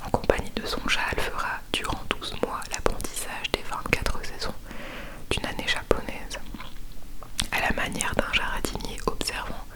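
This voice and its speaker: Woman in a hushed library whisper. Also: poor audio. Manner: hushed, unhurried, informal. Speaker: book haul video host. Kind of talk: whispered ASMR book chat.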